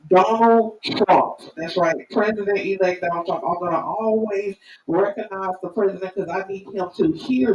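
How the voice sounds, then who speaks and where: A woman's voice: mid-range voice, darkish tone. Earnest woman streamer in echoing room. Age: middle-aged or older. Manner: earnest, halting, emphatic. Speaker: live-stream host. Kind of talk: informal spoken commentary to viewers. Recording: roomy, distant mic, faint noise.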